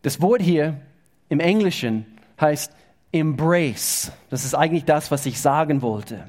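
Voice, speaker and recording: Halting, higher-voiced male pastor preaching. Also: expressive, a little mellow. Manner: halting, repeats words, informal slightly unidiomatic German. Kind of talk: sermon.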